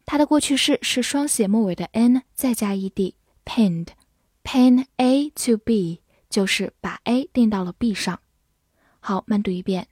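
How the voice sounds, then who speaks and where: Woman, vocabulary teacher, mellow tone, unhurried scripted delivery that spells words out letter by letter. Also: fairly high pitch, breathy edge, no echo, clean studio sound. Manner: spells words letter by letter and reads example sentences slowly.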